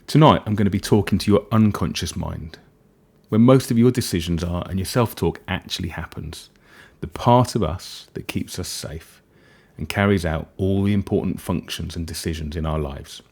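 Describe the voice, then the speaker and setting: Guy doing guided hypnosis, soft soothing deep voice, bit of fry and breath, slow pauses, music behind him.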